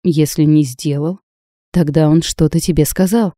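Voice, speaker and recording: A woman voicing a worried, kind merman who gently pleads and soothes. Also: deep voice, fairly even intonation, moderate pace, no room sound, studio quality, natural voice. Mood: soothing.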